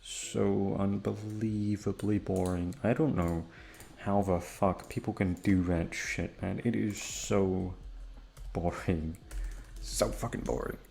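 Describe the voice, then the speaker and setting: A young man who creates and hosts audio roleplays speaks low, creaky, quiet and slow, keeping it down for others in the house. His dark, soft, steady voice rambles in a laid-back, hesitant, low-energy way, and he swears freely.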